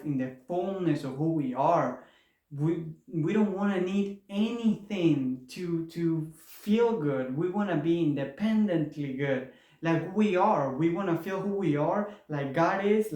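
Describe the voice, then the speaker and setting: A man's voice: on the high side, a little mellow. A man from Argentina, giving an earnest, repetitive motivational spiritual talk. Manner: earnest, repetitive, with rising enthusiasm. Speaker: spiritual vlogger. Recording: roomy echoey room.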